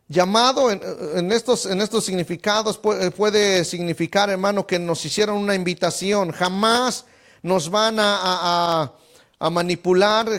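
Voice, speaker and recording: In a Bible teaching lesson, a male pastor with a high voice works through Scripture methodically and at a slow, deliberate pace. He spells out word accents and Strong numbers, calls listeners "brother," and peppers his points with frequent amens and repeated, stammered words as he thinks.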